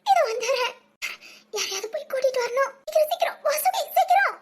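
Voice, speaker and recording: A woman doing a squeaky frantic young wife. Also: big pitch swings, fast talker. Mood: panicked, tearful. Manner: panicked, stammering, tearful. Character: frantic young woman, devoted to her husband. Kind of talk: cartoon voice acting.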